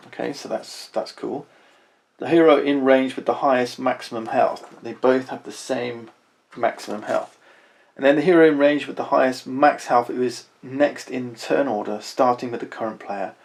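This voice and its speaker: A man with a gravelly, creaky edge in a middle-pitched voice walks through a board game's rules in a relaxed playthrough. He thinks aloud as he goes, checking each rule before he moves on. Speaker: board game reviewer. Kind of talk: casual board game playthrough.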